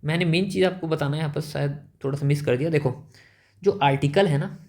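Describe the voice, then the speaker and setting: A young man teaching an exam-prep grammar lesson, explaining step by step and asking quick check questions. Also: on the high side, a little mellow.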